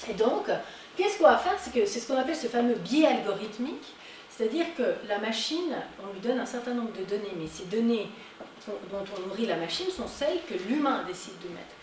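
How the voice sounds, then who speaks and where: A woman giving a conference talk, animated and emphatic on her key points. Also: fairly high pitch, fairly quick. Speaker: conference speaker. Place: conference hall. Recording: echoey hall, distant mic, noisy.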